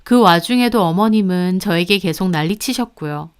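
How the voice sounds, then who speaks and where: A woman with a lowish, clean-toned voice tells a personal story in the first person at a moderate pace, sounding confiding.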